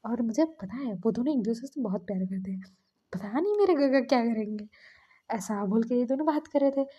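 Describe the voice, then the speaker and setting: A high-voiced woman narrates a story casually and chattily, with plenty of filler words. Her tone is mellow and the recording sounds dull and muffled. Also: fairly quick, breathy edge.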